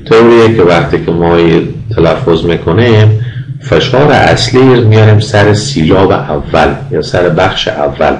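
A man with an Afghan Dari accent teaching English grammar as a lecturer, patiently repeating example words slowly for pronunciation. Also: low voice, reverberant, slight background noise, low-quality recording. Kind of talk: recorded lecture.

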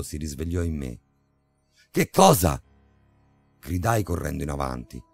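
A man narrating a scripted horror story in a dramatic, measured way. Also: deep voice, darkish tone, husky. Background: faint music.

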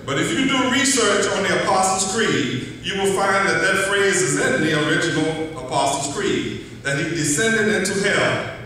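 A middle-aged man preaching a sermon in a large church sanctuary, teaching in a measured way and slowing down for emphasis. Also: sits high, bright, forceful tone, a little hiss or hum. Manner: measured teaching delivery, slows for emphasis, occasional restarts. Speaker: pastor. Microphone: far camera at back of church. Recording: echoey church hall from far off.

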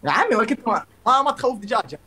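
A man's voice: very high-pitched, big pitch swings, rapid-fire, pushed and bright, slight background noise. A man hosting his own live stream, rallying his supporters and calling out donors by name. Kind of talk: live-stream battle banter.

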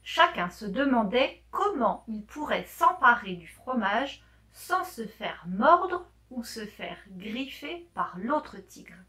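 A woman slowly reading a children's story aloud for learners, clear and deliberate with gentle expression. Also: a little high, very animated.

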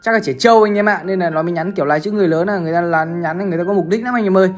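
A woman talks her viewers through a game in casual, chatty commentary. She speaks at a rapid clip and keeps calling out to the audience. Faint music plays softly underneath. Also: fairly low pitch. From Bắc Giang, Vietnam. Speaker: gaming streamer.

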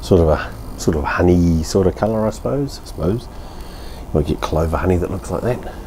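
Low, dark and expressive, his voice runs at normal speed with a little hiss or hum. A Kiwi in his fifties, he's casually reviewing a beer at his outdoor home bar, being blunt and laid-back, rambling with fillers and some mild swearing.

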